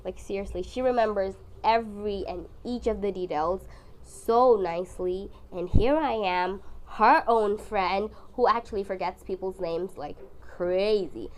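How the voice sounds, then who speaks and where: A woman's voice: medium pitch, a little slow. A young woman with a congested, strained voice from the flu, chatting casually and expressively as she narrates her painting. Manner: expressive, dramatic, self-deprecating. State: sick with flu. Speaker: art vlogger.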